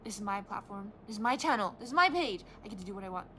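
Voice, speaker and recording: A woman's voice: medium pitch, lively intonation, fast talker, fairly bright tone, a little hiss or hum. An eighteen-year-old woman talking candidly in her vlog, venting with frustration and swearing freely. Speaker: vlogger.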